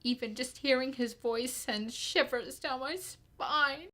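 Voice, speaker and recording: A woman's voice: high voice, takes it slowly, pushed and bright, heavily acted. A woman playing a melodramatic plaintiff in a comedy radio sketch, gasping and overwrought. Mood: distraught. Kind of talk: comic radio sketch acting.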